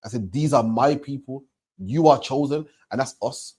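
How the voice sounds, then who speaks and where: Here a religious teacher street-preaches to a questioner, his mid-range voice slightly rough and a little mellow at a normal pace. He hammers his points about faith emphatically, repeating them and tacking "man" onto the ends of his lines.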